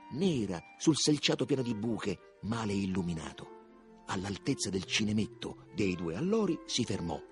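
A man narrating a literary audiobook in a measured, expressive reading. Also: fairly low pitch. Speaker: audiobook reader.

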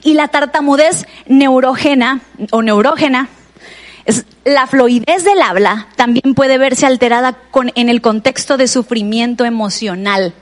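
A woman with a Mexican Spanish accent and a high voice preaches a sermon at a measured pace. She speaks conversationally to the congregation, often turning aside to address the listener directly.

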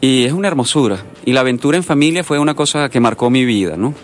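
A man tells his story fast in a radio interview, wandering into asides as he goes. He sits at a studio mic, with a faint hiss underneath. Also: mid-range voice. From Colombia. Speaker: guest artist. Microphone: studio microphone.

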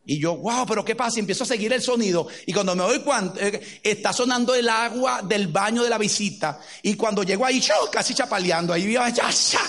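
A middle-aged man preaching a sermon as a pastor, telling stories with lively acted-out quotes. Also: high-pitched, fairly quick, hardly any pauses. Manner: animated storytelling with acted-out quotes.

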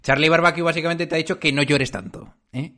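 A man's voice: on the high side, steady tone, quick pace, pushed and bright. Teasing podcast host, man. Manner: teasing, joking. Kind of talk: casual podcast chat.

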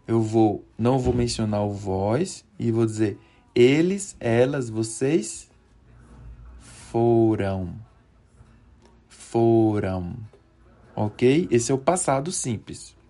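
Guy teaching verbs real slow, drags out each word, keeps saying certo, dark voice. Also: medium pitch, creaky. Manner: slow and deliberate, drawing out each verb form; checks in often with "certo?" and "ok?". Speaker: Portuguese teacher for Spanish speakers. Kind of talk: conjugation lesson.

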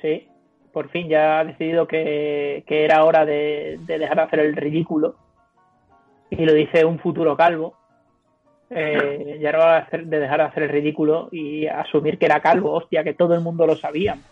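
A fairly high-pitched man with a Spanish accent comes through a thin, phone-like line with music behind. His chat is casual, blunt and peppered with swearing. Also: level tone, moderate pace. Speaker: podcast co-host.

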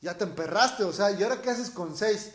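A Mexican man with a raspy, boozy-sounding voice, chatting informally as he explains things and answers viewers' questions. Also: high-pitched, expressive, a little fast. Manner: informal, explanatory, frequently checking with the listener. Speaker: dog trainer hosting a question-and-answer livestream. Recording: echoey room.

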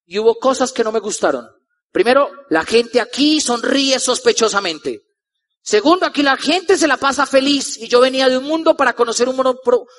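A young Colombian man in his twenties telling a lively personal story to a live audience as a motivational speaker, acting out the people in it. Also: extremely high pitch. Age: 20s. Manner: animated, acts out the voices of the people in his story.

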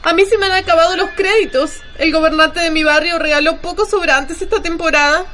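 A woman's voice: very high voice, fairly even intonation, a little fast, sharp tone, soft background music. A woman playing Electra, a kind alien. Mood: reassuring. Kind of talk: radio drama acting.

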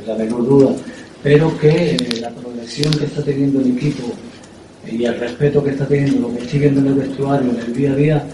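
Halting football coach in an echoey room. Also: male voice, medium pitch, fairly even intonation, noisy background. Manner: halting, repeats words and fills with "eh". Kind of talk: press conference answers. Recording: echoey room, distant mic.

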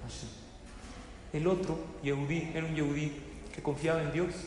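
A man preaches in a rather high voice, spinning stories and tossing questions out to his listeners. His voice rings through a large hall with a long, heavy reverb and faint room noise behind. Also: fairly quick. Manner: lively storyteller asking the audience questions. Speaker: religious teacher. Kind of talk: sermon to a live audience.

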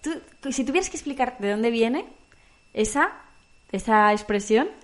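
A woman's voice: a little high, animated, moderate pace. A woman with a Castilian Spanish accent from Madrid, chatting casually in a colloquial, exclamatory way. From Spain, Madrid area. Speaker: co-host. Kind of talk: casual chat.

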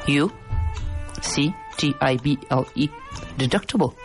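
A woman's voice: low voice, takes it slowly, music in the background. A Mexican woman in casual chat, joking around and stumbling as she spells words aloud letter by letter.

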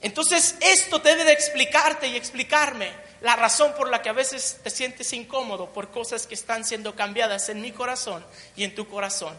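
A woman's voice: a little high, normal speed, few pauses, bright, forceful tone. A woman preaching a sermon, building emphatic repeated phrases and tossing in joking asides. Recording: long reverb of a large hall.

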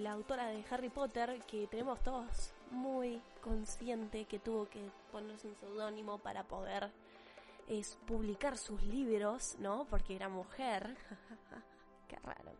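A teenage girl with an Argentine accent, ranting to camera in a blunt, profane and sarcastic way. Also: on the high side. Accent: Argentine Spanish. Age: teens. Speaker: vlogger. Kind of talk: opinion rant to camera.

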